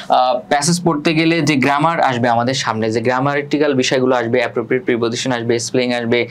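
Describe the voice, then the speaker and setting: A man with a Bangladeshi Bengali accent, teaching a passage in an online lesson. He reads English words slowly and often checks in with a questioning tag. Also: a little high. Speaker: English tutor.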